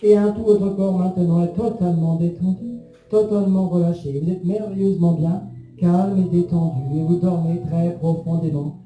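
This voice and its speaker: A man's voice: high-pitched, fairly even intonation, normal speed, dark tone. A man leading a guided hypnosis session in a soothing, repetitive, suggestive manner. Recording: roomy echo under music.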